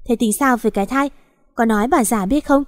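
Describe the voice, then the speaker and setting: A woman voicing a crude, dismissive husband who talks fast and coarsely. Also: extremely high pitch, dry recording. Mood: scornful. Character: crude defensive husband, adult man.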